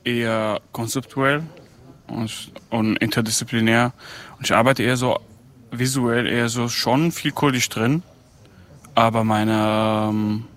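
A man's voice: medium pitch, fairly even intonation, measured pace, fairly bright tone. A man, an artist, answering a panel question hesitantly.

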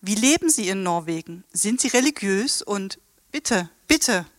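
A woman's voice: mid-range voice, animated, measured pace, no room sound, studio quality, lightly acted. An actress playing a polite, formal Japanese woman tour guide in a radio play.

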